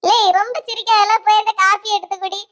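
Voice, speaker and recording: A woman's voice: very high voice, flat delivery. A voice actor playing a bossy middle-aged mother with a Kanyakumari accent who scolds and teases her family in a cartoon. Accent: Kanyakumari Tamil. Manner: sharp, scolding, quick comebacks.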